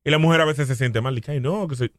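A man's voice: mid-range voice, fast talker, a bit bright, no echo, studio quality. A man with a Dominican accent chatting casually, telling stories with slang and quoted dialogue as a co-host. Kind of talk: casual group chat.

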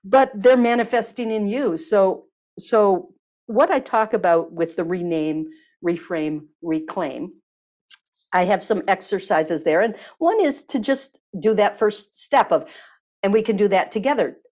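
A woman's voice: medium pitch, measured pace. A woman telling a healing story at length, then leading a listener through a guided exercise, with lots of fillers. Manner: warm, lively storyteller, many fillers. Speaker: guest teacher on body healing. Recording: dull lo-fi sound.

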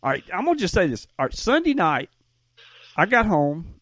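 A man's voice: high voice, big pitch swings, normal speed, a bit bright, no room sound. Male podcast host, folksy rambling storyteller, dry close sound. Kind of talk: casual podcast chat.

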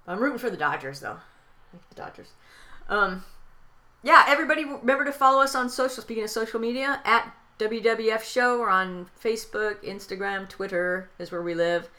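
Bright-voiced chatty woman co-host. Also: a little high, a little fast. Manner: chatty and laughing, lots of fillers. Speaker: podcast co-host. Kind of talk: casual chat.

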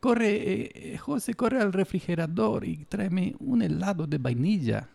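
A squeaky, over-the-top cartoon Latin American man, as a podcaster hams it up. The voice jumps well above his normal register with a sing-song lilt and a slightly gravelly edge. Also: expressive, unhurried, a little mellow, full character voice. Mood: mock-dramatic.

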